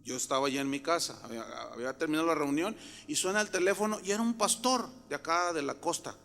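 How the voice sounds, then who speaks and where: A man from Mexico preaching a sermon, telling a story and often rising to loud, emphatic outbursts. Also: fairly high pitch, quick pace. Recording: long hall reverb.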